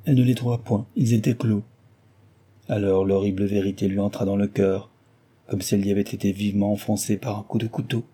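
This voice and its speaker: A man's voice: lowish voice, breathy edge. A man steadily reading a classic novel aloud as narrator. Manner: steady and measured. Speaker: audiobook narrator.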